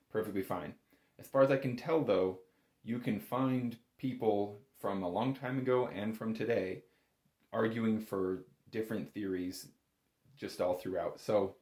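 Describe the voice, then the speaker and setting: This bagpipe instructor's informal lesson is recorded in a roomy room with echo. He speaks with a lowish, darkish voice, hedging and often self-correcting. He also leans hard on key words.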